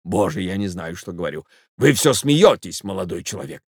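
Male reader voicing a frantic, whining jealous gentleman, gravelly edge. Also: deep voice, big pitch swings, a little fast, no room sound, clean studio sound, pitched below the performer's own voice, heavily acted. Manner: panicky, whining. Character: flustered jealous middle-aged man hiding.

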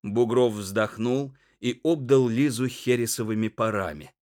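A man narrating a literary story in a measured, deliberate way. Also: medium pitch, darkish tone.

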